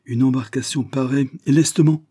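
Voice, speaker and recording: A man voicing a gruff, greedy older English naval commodore who speaks bluntly and gives commands, in a husky voice. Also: low-pitched, lively intonation, moderate pace, warm tone, no echo, clean studio sound.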